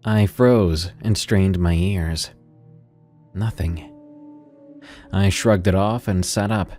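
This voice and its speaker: A man with a low-pitched voice speaks as a paranormal radio host. His scripted delivery is measured and ominous, like someone telling scary stories, with music playing underneath. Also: mellow. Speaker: host of a paranormal story show. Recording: music behind the voice. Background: background music.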